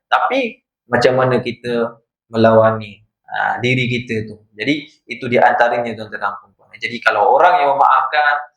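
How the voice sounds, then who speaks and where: A man's voice: medium pitch, a bit bright. A man with a Malaysian Malay accent giving an evening religious lecture, telling stories and checking in with his listeners. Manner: storytelling, rhetorical asides to listeners. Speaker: religious teacher. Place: madrasah prayer hall. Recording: echoey hall.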